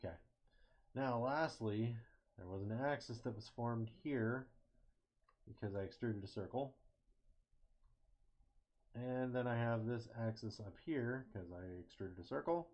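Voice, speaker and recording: With a darkish, mid-range voice and a measured pace full of frequent pauses, a young engineering student casually narrates a CAD design on his screen. He reasons aloud, catches and corrects himself, and throws in small jokes, all through a slightly muffled lo-fi microphone.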